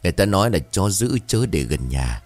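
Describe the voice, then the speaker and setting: A man doing a sharp, knowing young villager. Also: deep voice, sing-song, a little fast. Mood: insistent. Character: quick-witted young village man, around twenty.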